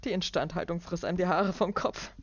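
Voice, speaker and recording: A woman reading a book aloud and voicing a stout, condescending businessman in his fifties who is loud and falsely jovial. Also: lowish voice, steady tone, fairly quick, dry recording, pitched above the performer's own voice. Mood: mocking. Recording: dull lo-fi dry recording.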